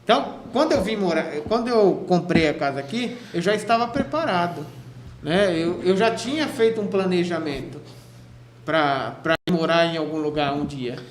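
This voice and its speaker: A man's voice: fairly high pitch, lively intonation, moderate pace. A man from São state, telling his story as a guest on a radio interview, chatty, with many restarts. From Cubatão, São Paulo state, Brazil. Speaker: guest, physical education teacher. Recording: echoey room with faint noise.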